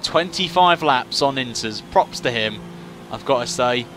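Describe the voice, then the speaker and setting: A man's voice: medium pitch, lively intonation, measured pace, fairly bright tone, slight background noise. A man giving live motorsport commentary, thinking aloud about strategy and posing questions as the race runs.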